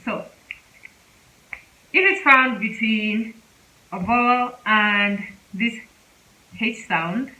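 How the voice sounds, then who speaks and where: A woman teaching a casual spoken lesson, speaking slowly and repeating example words several times. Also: mid-range voice, pushed and bright, low-quality recording. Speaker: Korean language teacher.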